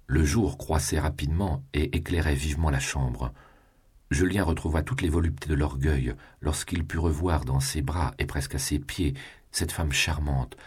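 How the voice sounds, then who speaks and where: A man narrating a classic novel as an audiobook reading, in a measured, even delivery. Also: a bass voice, slightly rough.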